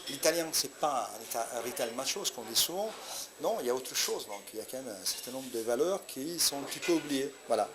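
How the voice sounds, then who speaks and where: A man's voice: mid-range voice, expressive, brisk, noisy background. A man with an Italian accent, a comedian answering interview questions in a hesitant way, with many fillers and restarts. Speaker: comedian guest. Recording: loud crowd chatter behind. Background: crowd chatter.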